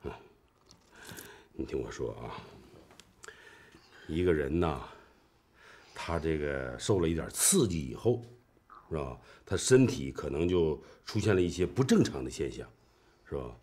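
A man's voice: very deep voice, animated, unhurried, pauses often, darkish tone. An older actor playing a kindly old man who coaxes and fusses over a sick young woman in a TV drama. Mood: soothing. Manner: coaxing, fussing, repeats himself. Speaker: elderly caretaker. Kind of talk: TV drama acting.

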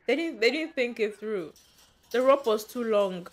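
A woman's voice: on the high side, lively intonation, measured pace. A woman hosting a movie reaction, talking back at the screen in an emotional, exclamatory way.

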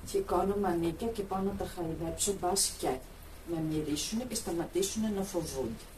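A woman vlogger with a sore throat from a cold, speaking softly and coaxingly to timid animals in a garden, between casual narration. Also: fairly low pitch, slight background noise, low-quality recording. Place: outdoors in a garden.

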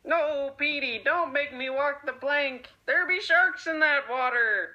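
A woman voicing a gruff male pirate captain in a cartoon story, speaking in drawn-out pirate talk. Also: high-pitched, lo-fi sound. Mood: pleading.

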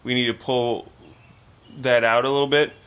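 The recording is muffled as a garage mechanic host in his thirties casually explains an engine rebuild step by step, picked up by his camera mic while he works in his home garage. His mid-range voice is level, moderately paced, a bit bright, clear, and resonant.

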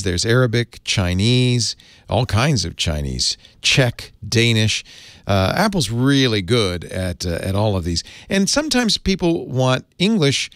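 Lively, chatty man teaching computer tips. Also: on the low side, dry recording, clean studio sound. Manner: chatty, chuckles often, easygoing explaining. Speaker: host. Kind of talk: casual tech tutorial.

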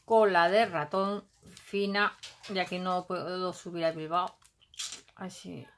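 A woman's voice: on the low side, steady tone, slow, a little hiss or hum. Chatty Spanish woman showing her craft haul. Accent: Basque Country Spanish. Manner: chatty, thinks aloud, hums filler sounds while unpacking. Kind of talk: casual haul commentary. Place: home, at a table.

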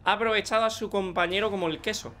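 Excitable young Spanish gamer, bright voice. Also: male voice, sits high, quick pace, slight background noise. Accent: Spanish from Spain. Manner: excitable, joking, talks to teammates. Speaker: gaming YouTuber. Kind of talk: live gameplay commentary.

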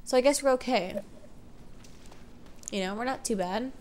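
Congested from allergies, this young let's play gamer talks through a video game in a casual, rambling way, frequently correcting herself and sounding uncertain. Her voice sits on the high side and is a little mellow, her speed is normal, and a faint hiss or hum runs underneath.

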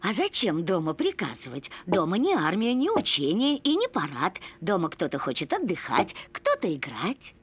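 Animated kindly granny bee. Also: female voice, on the low side, normal speed, hardly any pauses, husky, exaggerated voice. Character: kindly, sensible old grandmother bee. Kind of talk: children's cartoon acting.

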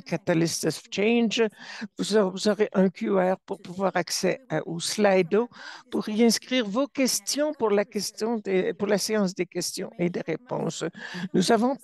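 A woman giving simultaneous interpretation for a webinar, halting and often restarting or correcting herself mid-phrase. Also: mid-range voice, creaky, darkish tone.

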